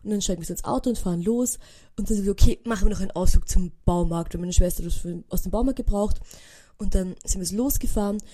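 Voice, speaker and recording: Fast-talking excitable Austrian woman. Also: medium pitch. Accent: Austrian German. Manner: chatty, excitable, mixes English words in. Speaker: podcast host. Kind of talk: casual storytelling monologue.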